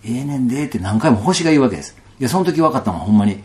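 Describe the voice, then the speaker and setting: Lively Kansai man telling a story. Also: racing. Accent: Kansai Japanese. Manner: animated storyteller, laughs often, drops to soft low asides. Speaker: guest telling a personal story. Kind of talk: storytelling in casual interview.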